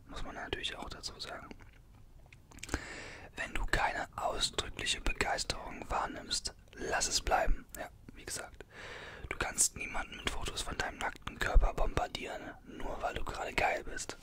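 Young man in a hushed ASMR whisper. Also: very high-pitched. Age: 20s. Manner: informal, conversational asides. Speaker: ASMR creator. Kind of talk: ASMR, reading an article aloud with casual comments. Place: small bedroom. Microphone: desktop condenser microphone, close up.

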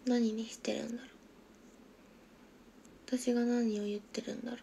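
Giggly young woman with a gravelly edge. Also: fairly high pitch, little pitch movement, normal speed, slight background noise. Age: 20s. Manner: giggly, drops to a soft whisper while reading comments. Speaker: idol livestreamer. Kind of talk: casual livestream chat reading viewer comments.

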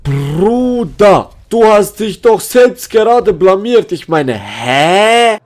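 A man narrates a critical commentary video with a high voice that swings up and down a lot. He mocks his target, speaking right at him. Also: sing-song, takes it slowly, faint music behind. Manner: mocking, addresses the target directly.

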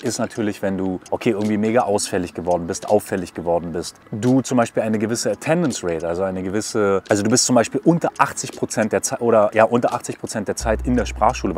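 A man talking casually and frankly to his viewers in a vlog, emphatic and lively. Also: fairly low pitch, slight background noise. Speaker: vlogger.

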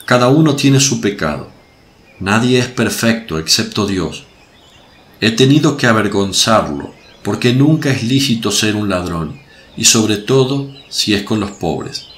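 A man's voice: on the low side, lively intonation, a little slow, a bit bright. An actor playing Jesus as a grave, compassionate male teacher who preaches solemnly in a religious radio drama. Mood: stern, admonishing.

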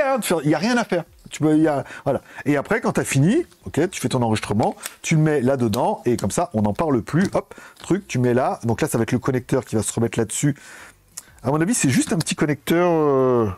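A man's voice: fairly high pitch, a little mellow. A man chatting through a casual product review, rambling and correcting himself mid-sentence on a wireless lapel mic. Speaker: tech reviewer.

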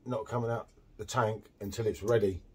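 A middle-aged man chatting excitedly while reviewing a beer at a home bar, full of tag questions. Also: on the low side, normal speed, husky. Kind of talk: casual beer tasting chat.

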